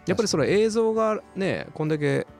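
A man's voice: high-pitched, brisk. A man hosting a radio show, chatting casually and rambling a little as he talks about music. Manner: relaxed, rambling, mixes Kansai speech. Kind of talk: casual chat. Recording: faint music underneath.

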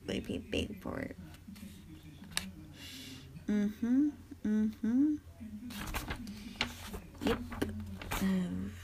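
A woman's voice: medium pitch, animated, drawn-out words, long pauses, background noise. A young woman, a college student, talking casually in a podcast, rambling with many fillers and the odd swear word, without a proper microphone. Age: young adult. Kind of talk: casual whispered podcast talk.

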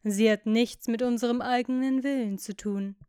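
A woman voicing a witty, cynical aristocratic gentleman who talks in ironic, lecturing tones. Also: on the high side, steady tone, moderate pace, clear, resonant tone, no echo, clean studio sound, natural voice.

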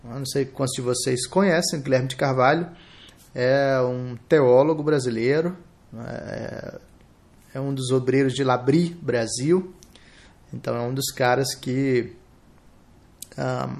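Brazilian guy doing a live podcast, reflective, trails off and restarts a lot, kinda gravelly. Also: mid-range voice, darkish tone. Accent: Brazilian Portuguese. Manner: reflective, halting, thinks aloud with pauses. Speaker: podcast host.

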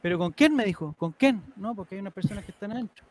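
A man's voice: high voice, expressive, quick pace, darkish tone. A man, telling a story as a podcast host in a rambling way, with restarts and laughs. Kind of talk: casual storytelling to co-hosts.

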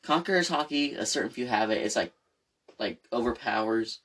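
A man's voice: medium pitch, animated, moderate pace, a bit bright. A young man in casual chat, laid-back and teasing, rambling when he explains things.

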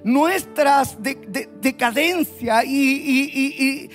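A man preaching a sermon as pastor, impassioned and repetitive, building up to shouts. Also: very high-pitched, slow pace, faint music behind.

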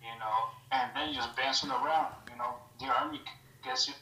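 A middle-aged man from Mexico, a podcast guest telling his story in a relaxed way with loose grammar. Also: medium pitch, brisk, reverberant, rough recording. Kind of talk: casual podcast interview.

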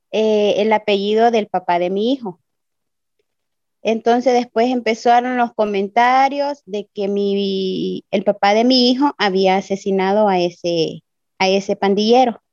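A woman from El Salvador with a Salvadoran accent, giving a slow, hesitant personal testimony as a migrant, with many fillers. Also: mid-range voice, a little mellow, no room sound, muffled recording. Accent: Salvadoran Spanish. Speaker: interviewee, migrant. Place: Ciudad Juárez.

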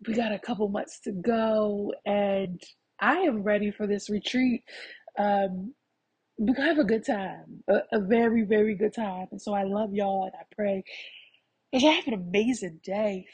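Podcast host, woman, fervent prayer cadence, warm dark tone, raspy edge. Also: mid-range voice, poor audio. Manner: emotional, affectionate. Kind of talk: closing prayer and heartfelt sign-off.

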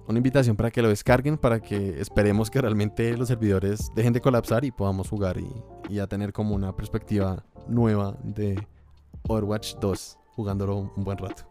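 Laid-back male co-host, low voice, loose talk, music underneath. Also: a little fast. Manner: relaxed, rambling with fillers and restarts. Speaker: podcast co-host. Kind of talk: casual chat.

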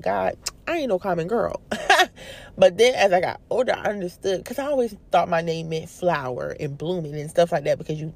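A woman's voice: deep voice, vocal fry. Young woman host, casual faith talk, emphatic with slight stumbles. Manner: stumbles over words, animated and emphatic. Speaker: prayer video host.

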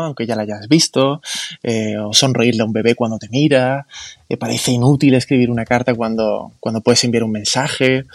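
Castilian-man, podcast guest, gravelly, meandering and halting, dry close sound. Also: mid-range voice, dry recording. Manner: rambling, halting with many restarts and fillers. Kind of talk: casual conversation.

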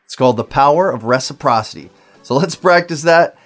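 A man's voice: on the high side, animated, a little fast, soft background music. Upbeat man making a listener appeal. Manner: upbeat, persuasive call to action. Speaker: podcast co-host. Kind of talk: podcast sign-off and listener appeal.

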